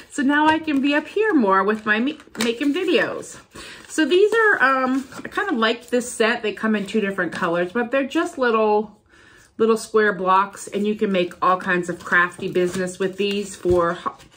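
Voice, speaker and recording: A sniffling woman in her fifties from Ohio, USA, has a slight cold as she chats through a shopping haul for her vlog, addressing a camera at desk distance in her indoor home office lined with bookshelves. She opens with a lively greeting and then rambles in a chatty way. Her medium-pitched voice carries slight background noise.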